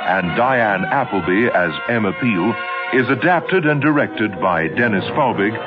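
A man's voice: on the low side, lively intonation, unhurried. A man speaking as an old radio announcer, reading scripted programme credits on a vintage radio recording. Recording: vintage radio, narrow tinny band. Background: loud music.

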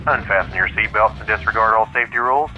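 A man's voice: on the low side, fast talker, highs cut off, faint music behind, voice pushed down. A man voicing a male airline captain announcing the flight crew over the intercom, in a mock-formal cabin-announcement manner. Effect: airplane intercom announcement.

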